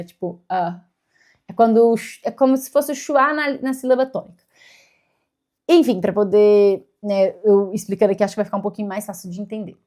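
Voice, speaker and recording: A woman's voice: medium pitch, darkish tone. A Brazilian woman talking casually to camera about learning English, thinking aloud as she explains step by step. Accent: Brazilian Portuguese.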